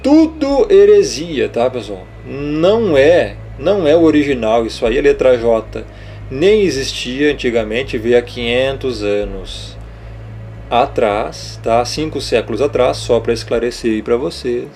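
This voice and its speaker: A religious teacher explains letters written on a board, speaking emphatically and scolding, constantly checking in with short questions like "tá?" and "ok?" as he repeats his points. His mid-range voice is expressive and darkish, a little slow, with slight background noise.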